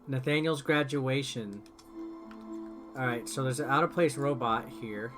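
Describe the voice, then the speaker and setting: A man streams a video game with relaxed, playful commentary, now and then reading on-screen text out loud. His mid-range voice moves at an unhurried pace, with game music playing behind him.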